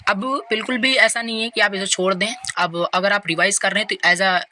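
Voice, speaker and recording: A man giving an online exam-revision lecture, explaining patiently and reading English lines out slowly. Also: high voice, fairly even intonation, pushed and bright, slight background noise. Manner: leans on tags like "right?" and "over here". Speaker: exam-prep tutor.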